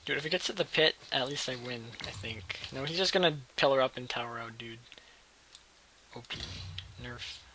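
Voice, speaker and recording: A young man giving excitable gameplay commentary, muttering one moment and yelling the next. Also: medium pitch, moderate pace, background noise. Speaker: gaming video creator. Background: keyboard and mouse clicks.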